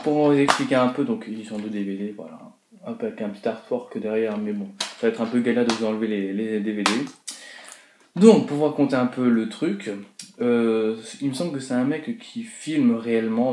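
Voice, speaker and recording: A man's voice: fairly low pitch, a little mellow. A young man talking casually in a haul video, rambling with lots of filler words and short chuckling asides. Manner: rambling, full of "voilà" and "donc euh" fillers, chuckling asides. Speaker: horror film collector vlogger. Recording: echoey room with faint noise.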